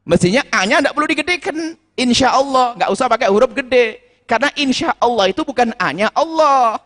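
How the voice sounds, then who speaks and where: A man with a high-pitched voice leads a religious question-and-answer lecture, explaining points with emphasis and repeating the key words. His voice rings out with a long hall reverb, as if recorded at a large gathering. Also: expressive, a little fast, a bit bright. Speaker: preacher answering audience questions.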